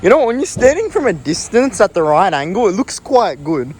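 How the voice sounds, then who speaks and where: A man's voice: high voice, big pitch swings, a little fast, darkish tone. A young man in casual banter, crude and sarcastic, swearing as he jokes. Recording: noisy car and street ambience. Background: clear car and outdoor noise.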